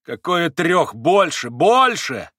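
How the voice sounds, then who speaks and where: A man reading aloud and voicing an agitated young man under questioning who talks fast, nervously and effusively. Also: medium pitch, expressive, fairly bright tone, dry recording, studio quality. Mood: heated.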